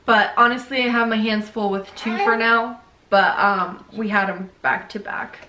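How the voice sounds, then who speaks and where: This vlogger, a young woman from Ukraine, has a medium-pitched, steady voice at normal speed, bright and forceful. She laughs a lot while doing a casual couple Q&A with her husband at home, recorded in an echoey room with a little noise.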